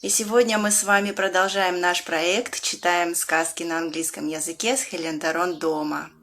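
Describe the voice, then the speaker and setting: A woman with a Russian accent, an English teacher for young children, reading a picture book aloud with big leaps up in pitch and slow, drawn-out questions. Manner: animated storyteller with big swoops up in pitch.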